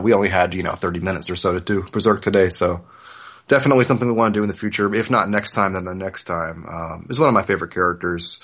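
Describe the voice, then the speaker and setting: A podcast host in his thirties speaks casually, explaining things in an informal, conversational style. His voice is fairly low in pitch but fairly bright in tone.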